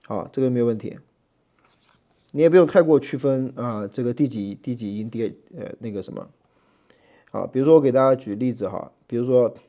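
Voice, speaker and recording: In an easygoing lecture, a medium-pitched male teacher takes students through Greek. His speech is full of fillers, and he slows his pace whenever he spells out letters and sounds.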